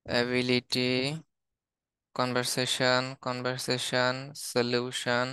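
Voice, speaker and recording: A man's voice: medium pitch, takes it slowly, smooth, no room sound. A man with a Bangladeshi accent, an English teacher reading out a word list one word at a time in a lesson. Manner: steady, listing words one by one.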